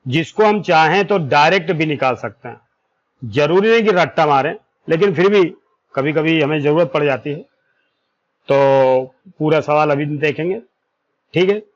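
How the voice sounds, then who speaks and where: A man with a somewhat high voice works through a maths lesson at a very slow, deliberate pace. He draws out each formula term and keeps pausing to check that his students follow. The recording is dull and lo-fi. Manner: slow, deliberate explaining, stretching out formula terms, checks in with "ठीक है"; corrects himself aloud mid-formula. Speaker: maths teacher. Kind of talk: whiteboard lesson.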